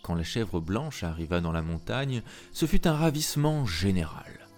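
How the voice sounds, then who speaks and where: A man's voice: sits low, expressive, a little mellow, soft background music. A man reading a tale aloud in a theatrical storytelling manner, speaking to a listener. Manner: slow and theatrical, addressing a listener. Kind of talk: expressive storytelling.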